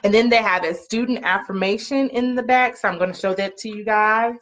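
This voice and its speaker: A mother in her thirties sits on a couch in a small living room, reading and chatting for a children's story time in her mid-range voice. She's animated and encouraging, using call-and-repeat and stretching out phrases, and the home webcam audio is slightly dull.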